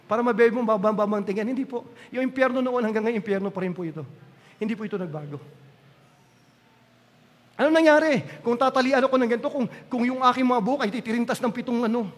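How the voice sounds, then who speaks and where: High-voiced preacher in an echoing hall. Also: male voice, fast. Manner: emphatic, repetitive preaching, mixing in English. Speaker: pastor. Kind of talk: sermon. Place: church hall.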